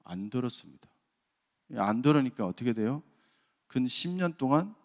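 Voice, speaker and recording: A man's voice: medium pitch, gravelly. A middle-aged man, a church elder, preaching a dawn service sermon and telling his own testimony with rhetorical questions and self-deprecating humor. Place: church sanctuary. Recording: long reverb of a church hall.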